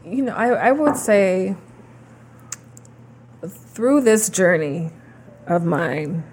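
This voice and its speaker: Woman podcast co-host, lower voice, reflective and encouraging. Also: expressive, very slow, a little mellow, slight background noise. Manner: reflective and encouraging, affirming with mm-hmms. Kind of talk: casual chat.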